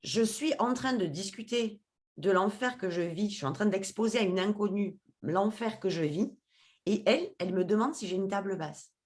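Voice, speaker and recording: A woman's voice: mid-range voice, moderate pace. A woman, a podcast guest, telling a personal story with feeling and acting out the conversations in it. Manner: expressive, re-enacts dialogue in her story.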